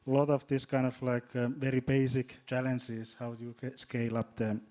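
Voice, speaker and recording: A man from Finland with a Finnish accent, speaking as a panelist in a hesitant way, often repeating words and filling pauses. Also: medium pitch, level tone, mellow. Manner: halting, repeats words, many fillers. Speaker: panelist, drone company executive. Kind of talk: panel discussion.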